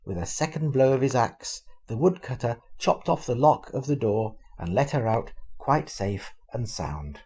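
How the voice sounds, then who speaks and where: An older man, a grandfather, reads a fairy tale aloud with animated, expressive storytelling. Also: mid-range voice, unhurried, few pauses, slightly rough. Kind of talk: storybook reading.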